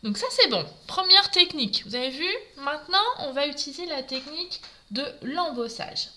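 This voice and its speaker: A woman's voice: sits high, animated, moderate pace, bright, forceful tone, a little hiss or hum, rough recording. A woman giving a live craft demonstration, talking through each step and greeting viewers as she works.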